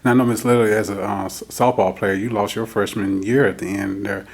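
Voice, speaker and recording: A man, a newspaper editor casually interviewing high school students. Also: steady tone, a little fast, vocal fry. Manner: friendly, uses y'all, chuckles between questions.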